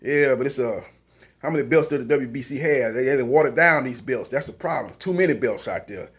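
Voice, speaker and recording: A man's voice: medium pitch, quick pace, breathy edge. A man talking through the latest boxing news in a loose, unscripted way. He rambles, stacks up fillers and restarts, and gives strong opinions as he goes. His voice sits in an ordinary middle range for a man. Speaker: boxing news channel host. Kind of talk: casual boxing news commentary.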